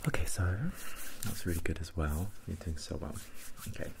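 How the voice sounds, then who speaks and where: Guy doing ASMR role-play asmr, low dark mellow voice, keeps repeating little instructions, bit of background noise. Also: steady tone, moderate pace, gravelly. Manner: repetitive, instructing and questioning, shifting between soft voice and low soft voice. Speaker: ASMR performer giving mock eye tests.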